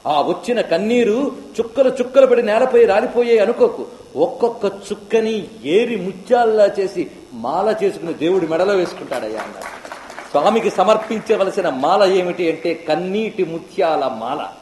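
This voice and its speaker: A man with a high, ringing voice delivers a devotional discourse, chanting verses between impassioned passages that rise and fall. His voice carries through a large hall, with a long reverb trailing each phrase. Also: lively intonation, moderate pace, a little mellow. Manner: emotional, impassioned, rising and falling delivery. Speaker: devotional speaker.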